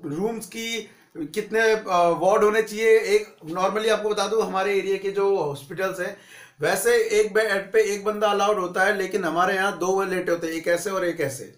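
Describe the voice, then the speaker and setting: A man's voice: sits high, steady tone, moderate pace. A male teacher giving a conversational economics lesson, asking questions and answering them himself. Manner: conversational, asks and answers his own questions. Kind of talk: classroom economics lecture. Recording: echoey room.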